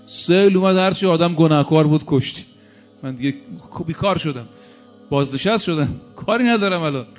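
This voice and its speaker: A man voicing a scheming, boastful male Satan inside a sermon story, higher and louder than his own voice. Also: lively intonation, soft background music, natural voice.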